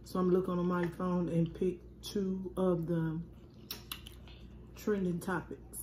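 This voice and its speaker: A woman's voice: fairly low pitch, level tone, slow, warm tone, roomy sound, a little hiss or hum. A woman vlogging from her dinner table, chatting to viewers and calling them "y'all". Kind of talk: casual chat.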